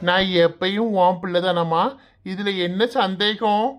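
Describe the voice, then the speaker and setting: Woman doing a cartoon son: mid-pitched, soothing and pleading, Kanyakumari Tamil accent. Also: fairly even intonation, a little slow, faint music behind, lightly acted. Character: gentle pleading grown son, peacemaker. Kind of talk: cartoon voice acting.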